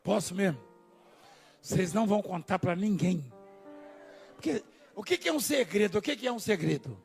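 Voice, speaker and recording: A Brazilian man preaching a live church sermon, joking with the congregation and swinging from low asides to shouting. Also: expressive, moderate pace, creaky, faint music behind. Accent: Brazilian Portuguese. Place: large church hall.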